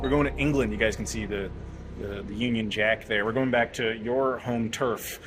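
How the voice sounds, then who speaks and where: A man's voice: on the low side, steady tone, moderate pace, music in the background. A man hosting a travel vlog, chatting casually and joking about himself while he walks through an airport and a supermarket. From United States. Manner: joking, chatty, self-mocking. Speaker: travel vlogger host. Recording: noisy on-location audio.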